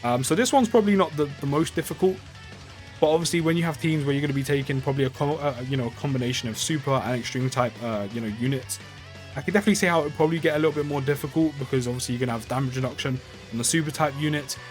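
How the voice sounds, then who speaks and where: A man's voice: fairly high pitch, very fast, soft background music. Rambling man commenting on gameplay. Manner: rambling, many fillers and restarts. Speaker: gaming YouTuber.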